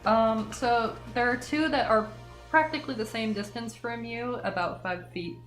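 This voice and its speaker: A woman's voice: on the high side, moderate pace, fairly bright tone, roomy sound, soft background music. A woman running a tabletop game as game master, narrating the action with many fillers and self-corrections.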